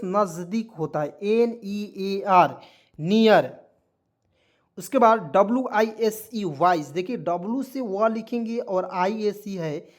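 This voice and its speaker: In a spelling-based vocabulary lesson, a high-voiced male English teacher slowly spells words out letter by letter. He repeats them often and keeps putting questions to his viewers.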